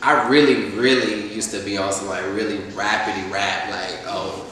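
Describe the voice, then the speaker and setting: A young rapper from Atlanta, US, chats casually as an interview guest, rambling laid-back with plenty of fillers. His voice sits on the low side, fairly bright, with fairly even intonation at normal speed. The room is echoey, he's far from the mic, and there's faint noise.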